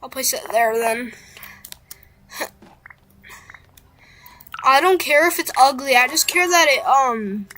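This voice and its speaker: A high, bright-voiced woman streams a game in loose, playful chatter, filling gaps with silly sound noises. She talks at an unhurried pace into a built-in device mic. Faint game music sits behind her. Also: animated. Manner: playful, makes silly "bop bop" noises while playing. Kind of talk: casual live-stream chatter. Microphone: built-in device mic, no headset mic.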